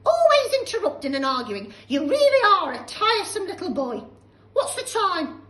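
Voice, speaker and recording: A woman's voice: extremely high pitch, sing-song, moderate pace, a bit bright, voice pushed up, full character voice. A woman voicing a cranky, bossy old grandmother who scolds and shrieks, recorded in an echoey room. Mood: scolding. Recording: echoey room, faint hiss.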